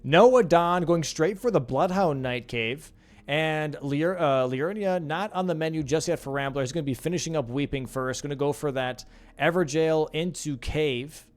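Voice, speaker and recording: A young male caster with a fairly high voice delivers live esports commentary at a moderate pace. He calls the action casually with plenty of slang and talks with his stream chat in between.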